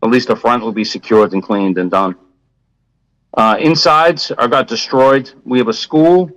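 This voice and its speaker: A man's voice: mid-range voice, measured pace, fairly bright tone, no room sound, rough recording. A man with a Boston accent, a contractor giving informal, plain-spoken testimony at a hearing.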